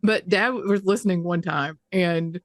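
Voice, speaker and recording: A woman's voice: fairly low pitch, measured pace, no room sound, clean studio sound. A woman co-hosting a podcast, ranting in casual chat, swearing freely and mocking other people's words in quoted voices. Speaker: podcast co-host.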